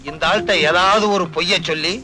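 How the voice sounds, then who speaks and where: An actor playing a sly comic swindler full of whining excuses, in a film with music behind. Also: male voice, sits high, steady tone, a little fast, lightly acted, low-quality recording. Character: wily comic swindler husband.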